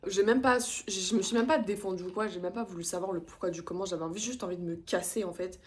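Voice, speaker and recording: A woman's voice: medium pitch, fairly even intonation, fast. A young woman vlogging casually, telling an exasperated story in slangy, profane speech with English phrases mixed in. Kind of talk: casual ranting vlog.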